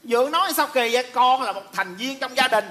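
Một nam diễn viên đóng vai cậu con trai trẻ tò mò, nằng nặc đòi biết chuyện, trong vở hài kịch sân khấu. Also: male voice, very high voice, animated, brisk, pushed and bright, heavily acted. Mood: insistent. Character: young son, nosy and insistent. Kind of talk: stage comedy skit.

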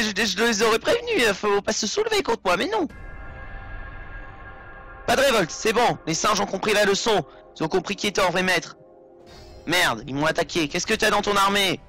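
A man's voice: high voice, sharp tone. A young man giving casual, rambling gameplay commentary, joking and swearing as he plays. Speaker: let's play commentator.

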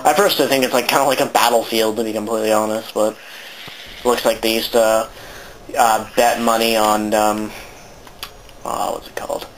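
A man's voice: on the low side, little pitch movement, moderate pace, pauses often, a little hiss or hum, poor audio. A man with a sore throat giving rambling, casual commentary while playing a video game, swearing often. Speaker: let's play commentator.

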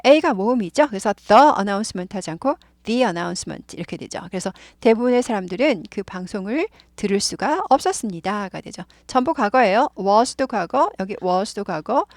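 A woman's voice: mid-range voice, dry recording, studio quality. A woman teaching an online English lesson, explaining words and repeating them over and over for listeners to follow. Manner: animated, repeats words for drilling.

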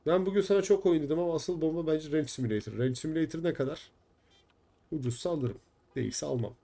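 Young male streamer, mid-range dark voice, casual and easily irritated, cursing at glitches. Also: a little high, fast talker, vocal fry. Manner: frustrated, swears often, chats with viewers. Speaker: gaming streamer. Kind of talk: live game stream chat.

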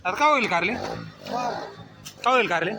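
A man vlogging from an outdoor vegetable market, firing quick questions at farmers and repeating each answer back as a question. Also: high-pitched, animated, over music. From Maharashtra. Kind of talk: quick on-the-spot interviews with farmers. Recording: noisy open-air market.

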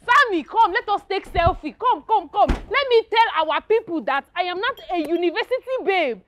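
A woman playing an excitable, outspoken young wife in a film drama, exclamatory, with a Nigerian Igbo accent. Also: very high voice, normal speed, a little hiss or hum. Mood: overjoyed. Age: young adult.

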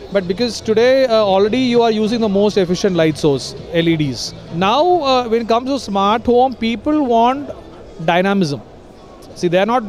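A man's voice: high-pitched, a little mellow. A man, a lighting consultant explaining his work at a busy expo hall with many hesitations. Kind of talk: trade show interview. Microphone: handheld mic from interviewer.

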